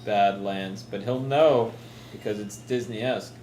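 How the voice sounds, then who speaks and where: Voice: medium pitch, measured pace, a little mellow, slight background noise. A tabletop game player who makes dry, offhand remarks to the group. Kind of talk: casual tabletop game chat. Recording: echoey room, music behind.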